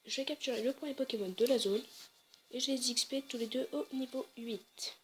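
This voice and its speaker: A woman's voice: sits high, fairly even intonation, a little fast, slight background noise. Chatty young-sounding woman gaming. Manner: chatty, hesitant, self-correcting. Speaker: let's play gamer. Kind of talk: casual game commentary.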